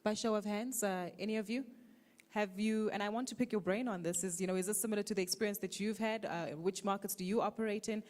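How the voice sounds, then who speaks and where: Panel moderator, woman, quick talker, reverberant hall. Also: medium pitch, fairly even intonation, darkish tone. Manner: quick, polite, inviting. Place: conference hall.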